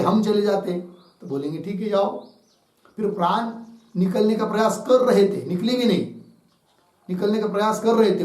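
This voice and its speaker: A man teaching a scriptural commentary lecture, explaining slowly and asking many rhetorical questions. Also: high voice, a little mellow, distant mic. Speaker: Vedanta teacher. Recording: echoey room, mic from afar.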